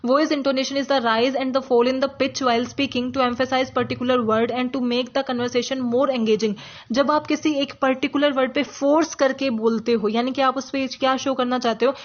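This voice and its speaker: A woman teaching a lesson, who keeps posing questions to the class and answering them herself and mixes English terms into her talk. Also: sits high. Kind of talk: explanatory lecture. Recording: dull lo-fi recording.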